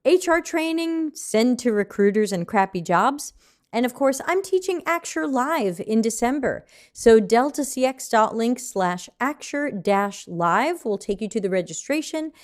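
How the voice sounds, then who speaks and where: A woman's voice: on the high side, expressive, unhurried. An American woman teaching a live online design lesson in a chatty, conversational way, answering viewer questions as she goes. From United States.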